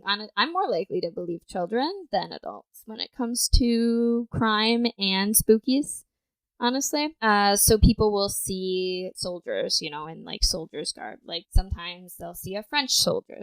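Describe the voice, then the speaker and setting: A woman's voice: medium pitch, dry recording, rough recording. A young woman from western New York, co-hosting a podcast and telling ghost stories in a casual rambling way, swearing now and then. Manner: rambling storytelling with fillers and swearing. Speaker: podcast co-host.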